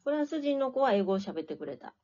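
A woman guest in a casual chat, calm, mostly giving short agreeing replies. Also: high voice, fast. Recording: dull lo-fi sound.

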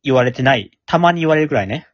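A man co-hosting a casual podcast chat, mumbling his words and talking quickly with a jokey, defensive manner. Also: mid-range voice, lively intonation, no room sound. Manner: talks fast, jokey and defensive. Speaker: podcast co-host. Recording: dull lo-fi dry recording.

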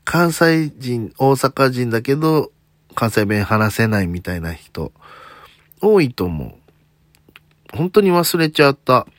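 Speaking slowly with big pitch swings in a mid-range voice, an Osaka-born comedian talks on his solo podcast. His Japanese is mostly standard, a little Tokyo-leaning with faint Kansai traces, and he's chatty and self-deprecating, often saying "un" and tossing in jokes. There's no echo.

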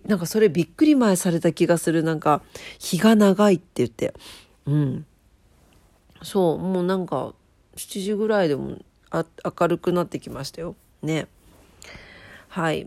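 Nasal, stuffed-up woman radio host, lowish voice. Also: moderate pace, a little mellow, no echo. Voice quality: nasal, congested from a blocked nose. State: stuffed-up nose. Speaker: solo radio show host, DJ. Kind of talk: casual chatty radio monologue with polite greetings.

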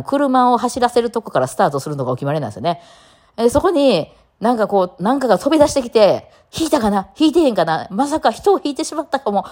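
A woman with a Kansai accent chats on her own talk show. Her voice sits low for a woman, yet it swings widely up and down. She rattles along quickly, rambling through fillers and small laughs. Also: a little mellow. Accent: Kansai Japanese. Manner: chatty, rambling, laughs often, many fillers. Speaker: podcast host. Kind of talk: casual solo talk.

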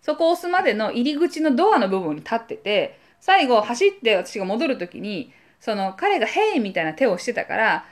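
A woman's voice: a little high, big pitch swings, a little fast, few pauses. A woman speaking, co-hosting a podcast and telling a story in casual chat, acting out voices and sound effects as she goes. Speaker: podcast co-host.

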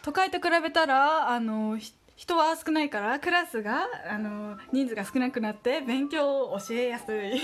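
A young woman co-hosting a casual, playful chat, giggly and often halting as she searches for words. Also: sits high, heavy background noise. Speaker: co-host of an amateur audio show. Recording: loud background music.

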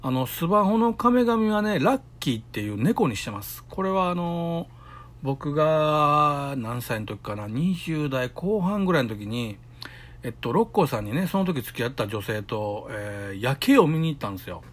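A middle-aged man with a Kansai Japanese accent chats alone on his podcast at normal speed. His voice is fairly high and very animated, and he acts out the quoted voices in his stories during this casual solo talk.

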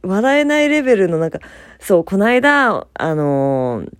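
A woman's voice: mid-range voice, sing-song, measured pace, no echo, studio quality. A young woman from Fukuoka hosting a casual solo talk, chatty and self-deprecating, laughing often as she speaks. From Fukuoka, Japan. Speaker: podcast host.

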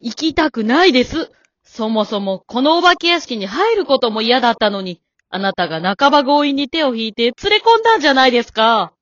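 A woman's voice: sits high, big pitch swings, a little fast, a bit bright, no room sound. A woman voicing a stern, composed elderly wife in an amateur radio drama, polite and cool with a scolding edge. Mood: calm. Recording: dull dry lo-fi recording.

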